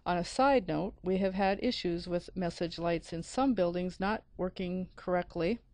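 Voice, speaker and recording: Low-pitched woman narrating a software tutorial. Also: moderate pace, dry recording. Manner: methodical, step-by-step explaining. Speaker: IT support instructor. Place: close, dry voice-over for a screen recording.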